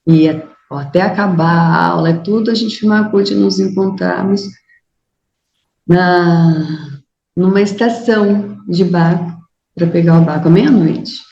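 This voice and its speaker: A woman from Brazil giving a talk at a club meeting, telling a personal story and acting out the dialogue in a raised, animated voice. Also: fairly low pitch, reverberant, muffled recording, a little hiss or hum. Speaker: guest speaker. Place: meeting room.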